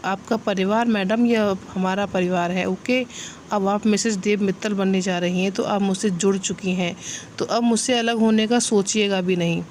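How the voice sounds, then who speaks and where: A man's voice: high-pitched, fairly even intonation, normal speed, slight background noise, natural voice. A woman voicing an affectionate young man who teases and reassures his fiancée in a storybook reading. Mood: tender. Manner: playful, reassuring.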